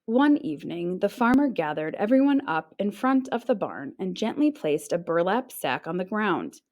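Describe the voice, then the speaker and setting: Reading a children's picture book aloud the way a teacher would, a woman narrates expressively and acts out little sounds. Her voice is on the low side, and she reads at a normal speed.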